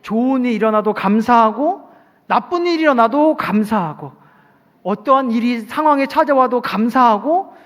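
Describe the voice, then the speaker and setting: A male pastor preaching a sermon in an animated way to his congregation in a church. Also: extremely high pitch, moderate pace. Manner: animated preaching, acting out short everyday quotes. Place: church sanctuary at a night service. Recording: long church hall reverb.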